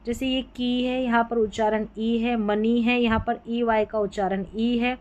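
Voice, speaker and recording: A woman's voice: on the high side, level tone, unhurried, a little mellow, lo-fi sound. A woman teaching an English reading lesson, patiently spelling out letter groups and then sounding out each word. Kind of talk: classroom-style phonics lesson.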